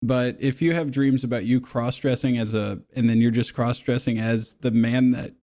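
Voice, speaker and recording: A man's voice: medium pitch, fairly even intonation, moderate pace, dark tone. A man in his thirties co-hosting a podcast, blunt and sardonic, swearing freely. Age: 30s. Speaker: podcast co-host. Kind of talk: casual chat.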